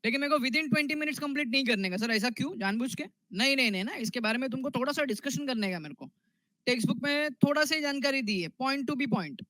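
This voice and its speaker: A man's voice: very high-pitched, expressive, fast talker, sharp tone, no room sound, rough recording. A man teaching a commerce class. He repeats key terms and asks and answers his students' questions himself. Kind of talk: classroom lecture.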